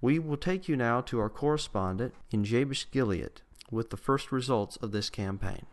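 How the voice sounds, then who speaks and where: A man playing a male news anchor who reports on an election with an even, measured newsreader delivery. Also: mid-range voice, noisy background, lightly acted.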